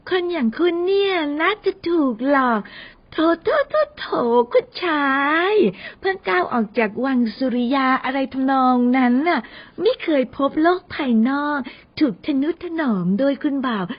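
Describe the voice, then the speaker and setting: A woman voicing a sharp-tongued young female secretary who talks in a nasal, sarcastic, teasing way. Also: sits high, very animated, measured pace, dull audio. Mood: mocking. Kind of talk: audio novel character voice.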